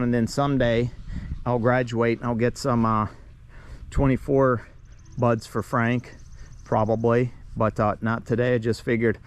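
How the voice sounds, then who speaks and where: A man talks through his truck project in an easygoing, rambling way, full of ums and uhs. His voice sits in a flat, unvarying pitch. He is recorded outdoors beside the truck with a faint hiss behind him. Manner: laid-back, rambling, many fillers. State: a little out of breath at times. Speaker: vlogger working on his trucks. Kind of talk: casual self-filmed narration.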